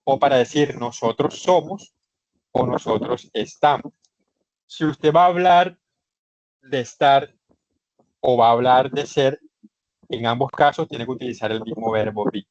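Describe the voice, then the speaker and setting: A man's voice: mid-range voice, measured pace, long pauses, a little mellow, no room sound. A man teaching an online English class, explaining patiently step by step and repeating key points. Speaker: English instructor. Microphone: computer microphone in a video session. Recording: slightly muffled online session audio.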